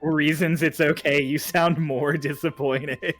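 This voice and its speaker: A man's voice: on the high side, fairly even intonation, measured pace, crowd noise. A man co-streaming a game, chatting in an easygoing, teasing way and laughing often. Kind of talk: casual gameplay chat. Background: faint game music.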